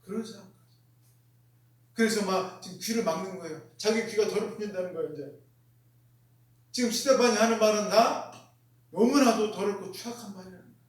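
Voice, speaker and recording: A man delivers a sermon in a high, carrying voice. He hammers home each point by repeating it and keeps asking his listeners questions. He sounds set back from the mic, in a room full of echo. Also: a little fast, long pauses. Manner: emphatic, repeats key phrases, asks the congregation questions. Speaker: pastor. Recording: very echoey room, mic far off.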